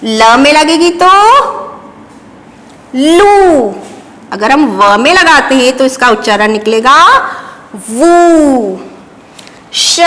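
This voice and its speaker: A woman's voice: sits high, a bit bright, in a large hall. A woman teaching young children a phonics lesson, patiently asking questions and answering with praise. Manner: slow, patient, call-and-response questions and praise. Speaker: primary school teacher.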